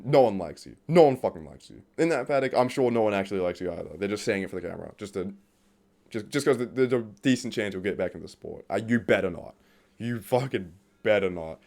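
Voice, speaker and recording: A man's voice: lowish voice, a little mellow. A man ranting off the cuff in a profane, exasperated way, laughing at times and reading from his notes as he talks. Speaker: vlogger. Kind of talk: unscripted rant about a TV series.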